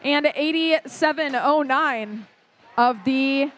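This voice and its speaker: A woman giving live play-by-play commentary at a robotics competition, briskly calling team numbers and plays. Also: high voice, fairly bright tone, soft background music. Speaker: match announcer. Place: competition arena.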